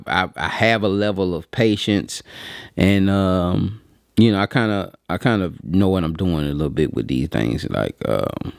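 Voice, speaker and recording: Recorded cleanly in a studio with no room sound, a fairly low-pitched American man shares unscripted, plainspoken takes as a video host reviewing print equipment. He repeats phrases to drive things home.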